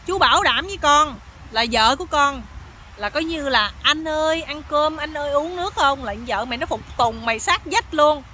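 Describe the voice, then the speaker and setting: A woman's voice: high-pitched, moderate pace, sharp tone, slight background noise. A woman doing a bossy, nosy old village uncle with a Southern Vietnamese accent. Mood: scolding. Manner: scolding, bossy, exclaiming.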